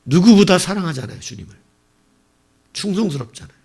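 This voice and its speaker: A male pastor preaching a sermon, telling the story with animated bursts as he acts out quoted lines. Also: sits high, brisk, creaky, husky.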